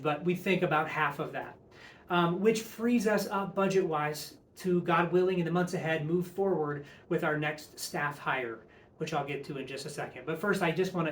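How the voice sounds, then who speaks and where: A man's voice: fairly high pitch, moderate pace, a bit bright, a little hiss or hum. A man giving an earnest, upbeat update speech to a church congregation as one of its leaders. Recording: echoey room.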